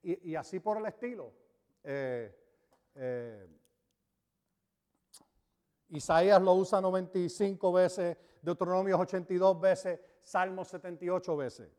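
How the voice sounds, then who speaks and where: A man's voice: high voice, a little slow, pauses often, warm tone. A man preaching a sermon to a congregation, emphatic, drawing out key words and checking that his listeners are following. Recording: long reverb of a large hall.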